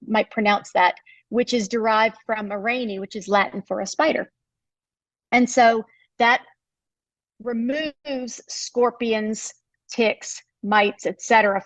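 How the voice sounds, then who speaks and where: A woman's voice: mid-range voice, dry recording. Woman lecturing with a dry, close sound. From United States. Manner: explanatory, conversational with frequent um fillers. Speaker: biology professor giving a workshop talk. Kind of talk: recorded slide lecture.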